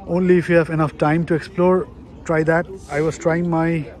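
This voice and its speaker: Outdoors at a hilltop fortress, a middle-aged man from India films himself with a handheld camera for his solo travel vlog. His slightly high, slightly mellow voice stays level at a moderate pace as he chats eagerly and jokes at his own expense.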